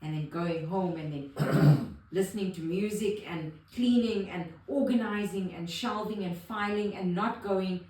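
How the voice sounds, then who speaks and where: A woman's voice: medium pitch, unhurried, few pauses, mellow. A middle-aged woman in a casual conversation, telling about her therapy journey in an emotional, rambling way full of restarts. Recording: very echoey room, distant mic.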